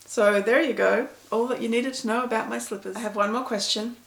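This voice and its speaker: A woman's voice: fairly high pitch, fairly even intonation, a little fast, gravelly, echoey room. A middle-aged woman, chatting to camera as an author answering reader questions in a self-deprecating, storytelling way. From Pakistan. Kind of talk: casual talk to camera.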